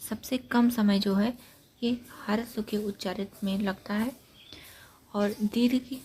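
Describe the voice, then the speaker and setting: Breathy woman teaching a grammar class. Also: mid-range voice, steady tone, measured pace, darkish tone. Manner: repetitive, explains points step by step. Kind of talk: exam-prep grammar lesson.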